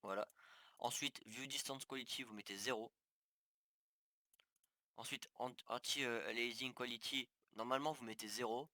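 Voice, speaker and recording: A man's voice: mid-range voice, steady tone, normal speed, pauses often, sharp tone, dry recording, studio quality. A man giving a casual game tutorial, walking viewers through settings step by step with many fillers and restarts. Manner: talks viewers through steps on screen. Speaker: gaming tutorial youtuber. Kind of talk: casual screen-recorded tutorial.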